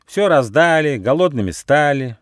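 A man's voice: high voice, fairly even intonation, normal speed, clear, resonant tone, dry recording, clean studio sound, pitched above the performer's own voice, close to an everyday voice. A man voicing a cheeky young male squirrel in a fairy tale who likes to tease and grumble. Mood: teasing. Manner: teasing, grumbling.

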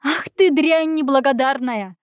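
A domineering head nurse who scolds in a high, sharp, indignant voice, as a woman reading the story puts her on. She speaks in rapid, accusing bursts, recorded close and dry with no room sound. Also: lively intonation, no echo, close to an everyday voice. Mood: contemptuous.

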